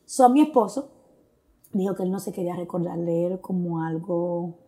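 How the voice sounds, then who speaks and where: A woman's voice: lowish voice, normal speed, warm tone. Earnest woman telling a personal testimony. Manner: mixes Spanish with English phrases; earnest, reflective, with frequent fillers. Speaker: guest sharing a testimony.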